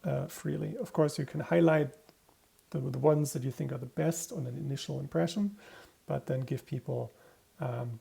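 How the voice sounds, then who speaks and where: A man with a heavily gravelly, creaky voice narrates a recorded design walkthrough. His tone is dark and somewhat husky, and he explains calmly, pausing often with fillers and restarting his sentences. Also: a little high. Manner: hesitant, with frequent fillers and restarts; calm, explanatory. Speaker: product designer.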